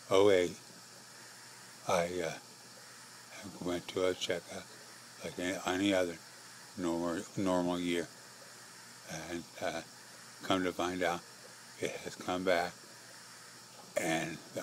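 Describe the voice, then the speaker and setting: A middle-aged American man, frail and short of breath, giving a personal testimony in halting short phrases with pauses. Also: low-pitched, a little hiss or hum, low-quality recording. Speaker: patient telling own life story.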